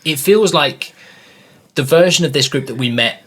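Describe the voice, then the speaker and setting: A man's voice: a little high, normal speed, a bit bright, breathy edge. A man from the UK co-hosting a casual reaction video, thoughtful and wry, often hedging his opinions. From United Kingdom. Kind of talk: casual chat.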